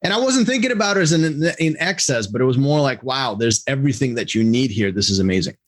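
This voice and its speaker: A middle-aged man who grew up in Russia, a podcast guest and executive coach, answering questions in a casual, halting way with animated bursts. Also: medium pitch.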